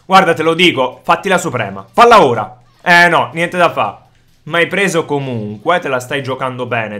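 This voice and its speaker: Excitable gaming host. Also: male voice, a little high. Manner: energetic, exclaims loudly during fights. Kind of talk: excited gameplay commentary.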